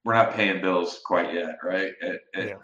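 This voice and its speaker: A man talking as a guest over a video call, casual and halting, often restarting his sentences. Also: deep voice, fairly even intonation, fairly bright tone, reverberant, lo-fi sound. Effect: heard over a video call. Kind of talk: casual chat.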